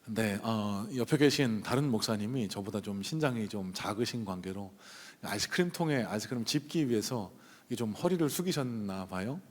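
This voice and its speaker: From the pulpit of a church sanctuary, a male pastor with a lowish, animated voice tells a personal story at a fairly quick pace. His sermon is conversational and packed with hesitant fillers, and the hall's long reverb colors the recording.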